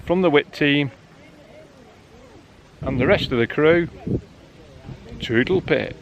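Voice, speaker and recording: A man's voice: a little high, slow pace, vocal fry, lo-fi sound. A man hosting, giving a chatty, upbeat sign-off outdoors after rain. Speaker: host. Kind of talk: casual video sign-off.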